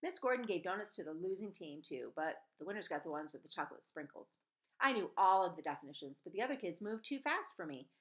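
Fast-talking and lowish in pitch, a woman in her forties animatedly reads a novel aloud, sometimes stumbling and then correcting herself. She's indoors in a small home room, and a webcam mic at desk distance picks her up.

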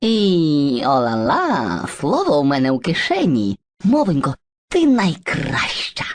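A woman plays an eager, muddled cartoon boy who brags one moment and dithers the next. His low, husky voice leaps wildly up and down in pitch, close and dry. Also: huge pitch swings, takes it slowly, dry recording, exaggerated voice. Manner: boastful, hesitant, playfully theatrical. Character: eager muddled boy Surzhyk, personified mixed speech. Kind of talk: educational cartoon dialogue.

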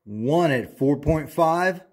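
Slow, deliberate man teaching welding. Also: a little high, lively intonation, darkish tone. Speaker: welding instructor. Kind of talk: step-by-step tutorial narration. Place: home auto shop.

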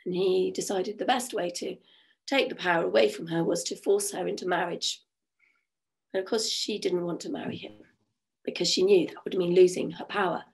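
At an online event, a woman storyteller with a croaky voice tells a folk tale in a rhythmic, repetitive, soothing manner. Her pitch is fairly low and her intonation fairly even, at a normal speed.

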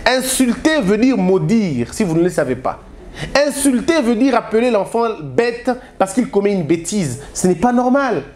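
A man's voice: sits high, sing-song, normal speed, a little mellow, slight background noise. A man from Congo, giving a moralizing public address full of rhetorical questions and exhortations. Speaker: speaker on family values.

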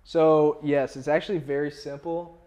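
The audio is dull, but the young adult man's voice is warm, level and fairly high, at a moderate pace. As a musician interview guest he chats casually, wandering off in slang and saying "like" a lot. He's miked with a lapel clip in a small furnished indoor room.

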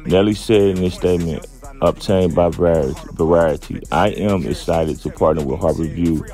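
With faint music in the background, a laid-back man speaks in a deep, gravelly voice as he goes through a news story. He is a channel host offering his views, and his slow drawl is packed with fillers.

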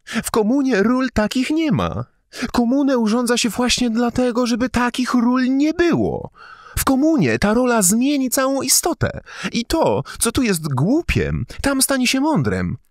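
A man reading an audiobook, voicing an excitable young male idealist who lectures in a shrill, fervent, touchy way. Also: measured pace, dry recording, studio quality, exaggerated voice. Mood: preachy. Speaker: audiobook reader.

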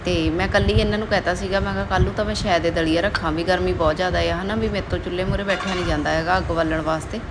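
A woman's voice: lowish voice, fairly even intonation, very fast, hardly any pauses. A woman with a Punjabi accent narrating a casual vlog in a chatty way, recounting daily chores. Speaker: household vlogger. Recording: clear background noise.

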